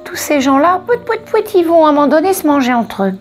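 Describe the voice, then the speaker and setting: A woman reading oracle cards and giving spiritual guidance in a casual, expressive way, wandering off into asides and repeating words for emphasis. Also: sits high, quick pace, faint music behind. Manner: expressive, digressive, emphatic repetitions. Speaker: oracle card reader.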